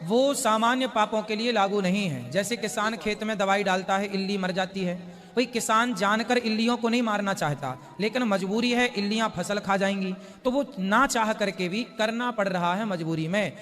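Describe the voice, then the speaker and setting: A man, a spiritual teacher, calmly answering devotees' questions and explaining with everyday examples. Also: high voice, moderate pace, in a large hall. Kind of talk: religious question-and-answer discourse.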